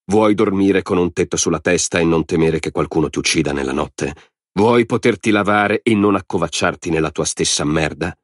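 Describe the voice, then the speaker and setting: A man voicing a hard, calm male soldier who talks low and measured. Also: no echo, studio quality. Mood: cold.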